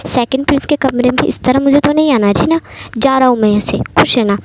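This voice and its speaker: A cheeky young man with a teasing, playful way of talking, as a woman reading a fan story puts him on. The voice sits fairly high and bright in tone. A faint hiss runs under the recording. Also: normal speed, close to an everyday voice. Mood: sulky.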